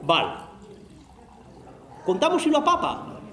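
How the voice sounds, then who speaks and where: A man's voice: very high-pitched, wildly swooping pitch, slow pace, sharp tone, reverberant, voice pushed up, heavily acted. A man playing a shrewd Asturian village mother. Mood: scheming.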